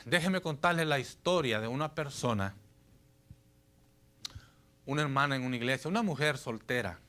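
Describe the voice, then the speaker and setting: A man preaching a sermon, moving from loud, emphatic scripture reading to low, confiding storytelling. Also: animated, normal speed.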